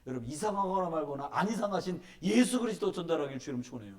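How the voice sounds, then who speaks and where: A middle-aged man preaching in a church sanctuary, his voice sitting high and swinging widely in pitch. He tells stories and presses his points home with emphatic, animated delivery. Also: rapid-fire. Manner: animated storytelling, emphatic exhortation. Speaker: pastor. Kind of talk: sermon.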